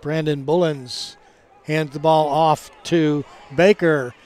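A man doing live football play-by-play commentary in a halting, conversational way. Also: fairly high pitch, fairly even intonation, darkish tone. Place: outdoor college football game. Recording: crowd noise behind, outdoor stadium. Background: game crowd.

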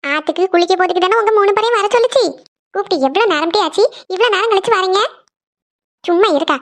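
A woman's voice: very high voice, fast talker. A woman voicing a bossy aunt in a cartoon who chides the children impatiently. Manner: chiding, impatient. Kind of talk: cartoon voice acting.

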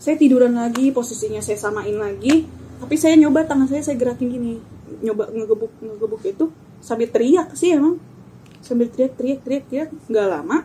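A young woman casually telling a personal story, acting out the shouts and screams she remembers. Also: fairly high pitch, fairly quick, slight background noise, low-quality recording. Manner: animated, acts out her own shouts and screams; casual slangy speech. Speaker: guest telling her experience.

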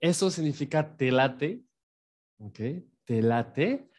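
A man from France, teaching phrases in a patient online lesson and repeating each phrase slowly for learners. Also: medium pitch, very animated, a little mellow. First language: French. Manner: writes on a board while explaining. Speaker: French teacher.

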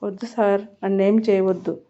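A terrified captive driver begging for mercy, read by a woman narrator in a storybook reading. The voice is soft and mellow. The recording is dull and lo-fi. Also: high-pitched, little pitch movement, normal speed, lightly acted. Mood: pleading. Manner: begging, fearful. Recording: muffled lo-fi recording.

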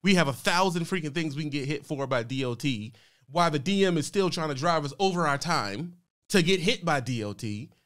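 Fired-up trucker ranting at a clip. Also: male voice, on the high side, animated, a little fast, a bit bright. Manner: fired-up, talks back at the clip, says bro and man. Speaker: trucker reaction streamer. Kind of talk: heated ranting reaction commentary. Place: home streaming room.

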